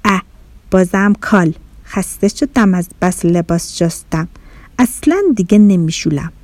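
A woman's voice: lowish voice, darkish tone, no echo, close to an everyday voice. A woman voicing a grumpy, lazy washing machine in a children's story, sulky and complaining. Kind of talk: storybook character voice.

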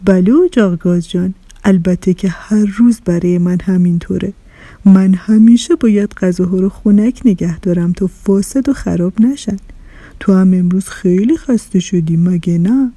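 A woman voicing a kind, caring kitchen fridge in a children's story, with a gentle, reassuring manner. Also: medium pitch, dry recording, lightly acted. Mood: friendly. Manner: gentle, reassuring, a little louder. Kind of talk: storybook character voice.

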